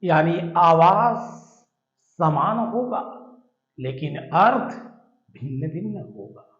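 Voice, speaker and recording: A man's voice: on the high side, animated, slow pace. A man teaching a vocabulary lesson, explaining terms patiently, repeating words and spelling them out letter by letter. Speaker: English teacher. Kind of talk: classroom-style explanation of vocabulary. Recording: echoey, dull lo-fi room.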